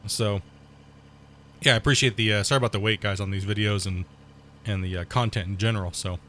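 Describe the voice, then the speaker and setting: Brisk and on the low side, this man's voice comes with slight background noise. He's a sick gaming channel host losing his voice, rambling casually over his own play, explaining terms and erupting excitedly at mishaps.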